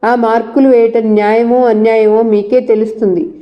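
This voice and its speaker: A woman's voice: on the high side, little pitch movement, moderate pace, muffled recording, lightly acted. A woman voicing a proud young female lecturer who speaks firmly and curtly, read from a storybook. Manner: firm, curt.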